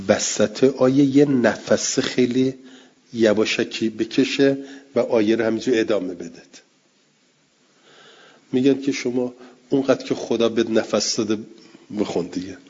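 Husky low-voiced man lecturing. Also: darkish tone. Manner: reads Arabic text aloud, then explains it in colloquial Persian. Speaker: teacher of Quranic exegesis. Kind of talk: classroom lecture reading and explaining an Arabic text. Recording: dull lo-fi recording.

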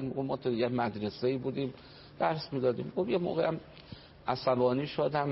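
Earnest male religious family speaker. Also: medium pitch. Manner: earnest, explanatory, quotes traditions. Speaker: family counselor. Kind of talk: religious family talk on radio. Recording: dull radio broadcast, faint noise.

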